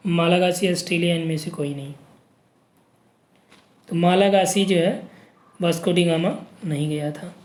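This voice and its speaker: A man's voice: high-pitched, a little mellow, reverberant. A man teaching an exam-prep geography lesson, reading questions and options aloud and checking in with students. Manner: reads options aloud, frequent "ठीक" checks.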